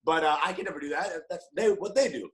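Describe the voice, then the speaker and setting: A man in his thirties from Dallas, a guest comedian chatting casually on a podcast, energetic, joking and profane. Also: on the high side, fast talker, poor audio. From Dallas, USA.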